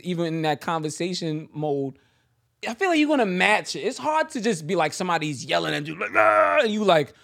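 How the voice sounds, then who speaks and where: A man's voice: on the high side, big pitch swings, a little fast, gravelly, a bit bright. A man in casual podcast chat, slangy and joking, laughing while he talks.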